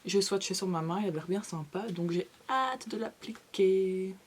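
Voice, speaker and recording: A woman's voice: mid-range voice, animated, normal speed, a little hiss or hum. A young woman vlogger in a casual haul video, chatty and gushing, with playful asides to her viewers. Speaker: beauty vlogger.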